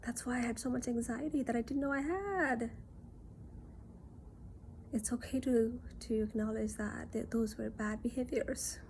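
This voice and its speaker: A woman from Nepal, talking in an earnest, reassuring monologue that often drops into soft near-whispers. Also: on the high side, moderate pace, a little hiss or hum. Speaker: self-reflection vlogger. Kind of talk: casual reflective monologue.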